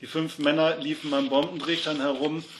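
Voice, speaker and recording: A man reading a story aloud, shouting the characters' angry lines when they come up. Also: on the high side, level tone, a little fast, echoey room, background noise. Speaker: reader.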